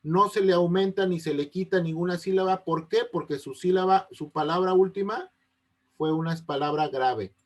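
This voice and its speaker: A man's voice: high-pitched, normal speed. A man teaching an online class over a video call, explaining step by step and often checking that his students understand. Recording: unstable connection.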